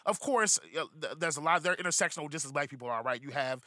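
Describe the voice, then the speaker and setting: Male podcast host, rapid and bright, a little high, talks in loose digressions. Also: dry recording, studio quality. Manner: animated, rambling with digressions and self-corrections. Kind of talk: casual podcast chat.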